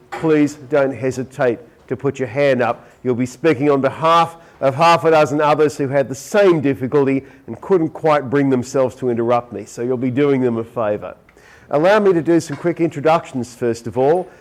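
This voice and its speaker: A man's voice: medium pitch, a little mellow, low-quality recording. A middle-aged Australian man presenting a conference talk, chatty and joking with asides to the audience.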